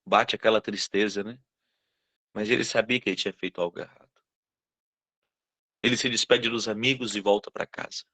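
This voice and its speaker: A man preaching as a pastor, telling a story and slowing down, growing softer with dramatic pauses for emphasis. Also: medium pitch, dry recording, highs cut off. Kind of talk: sermon storytelling.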